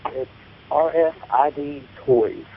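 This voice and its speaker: A man's voice: fairly high pitch, fairly even intonation, takes it slowly, slightly rough. A man with an Appalachian Kentucky twang, co-hosting a tech radio show in casual discussion. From Kentucky, United States. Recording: tinny phone-like audio, faint hiss.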